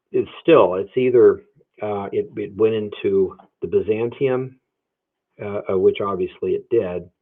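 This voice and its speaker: A man's voice: low voice, gravelly, slightly rough. A man teaching Bible prophecy who answers viewer questions on a livestream, thinking aloud with hedges and many restarts. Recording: phone-like narrow sound.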